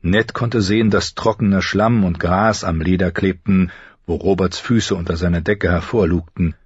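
A male audiobook narrator with a very deep, husky voice, telling the story in a measured, grave way. The recording is dry and slightly dull, with no room around the voice. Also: steady tone, no echo. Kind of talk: scripted narration.

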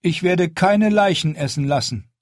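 A man voicing a young, proud and stubborn queen in an audiobook, speaking firmly with a raised pitch. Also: lively intonation, normal speed, no room sound, clean studio sound. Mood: resolute. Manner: raised pitch, firm commanding delivery. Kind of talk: audiobook character voice.

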